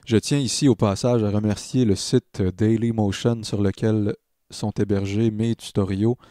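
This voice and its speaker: A man with a Quebec French accent gives a casual software tutorial as a music production tutor, hesitating and pausing while he explains. His voice sits on the low side with a steady tone, recorded at studio quality with no echo.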